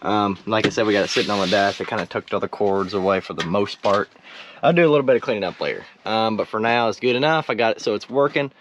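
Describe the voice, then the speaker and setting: A teenage guy restoring an old truck talks quickly in a lowish voice, goofing off for viewers with self-mocking jokes and imitated noises as he works. The background is clearly noisy and has clicks.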